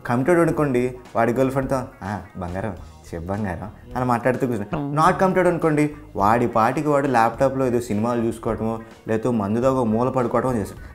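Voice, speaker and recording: A man's voice: medium pitch, very fast, soft background music. A young man, a bachelor tenant, arguing his case to a house owner in a comedy sketch.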